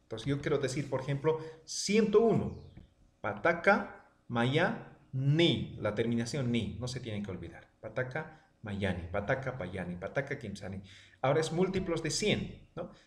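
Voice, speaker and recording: A man's voice: very animated, normal speed, echoey room. A man teaching a language lesson online, drilling words aloud and checking in with his students after almost every line. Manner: drilling words with rising then falling pitch, checking in often.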